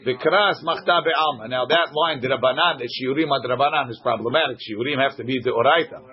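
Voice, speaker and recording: A man's voice: mid-range voice, fairly quick, highs cut off. A man giving an informal Talmud lesson as a teacher, reading phrases aloud and explaining them in short glosses.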